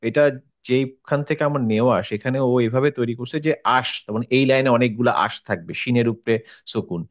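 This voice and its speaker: A man leads an online reading class and patiently models each sound over and over for his students. His voice sits in a middle pitch. The call audio is dull and lo-fi. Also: brisk. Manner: patient, demonstrates sounds by repeating them. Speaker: Quran reading teacher.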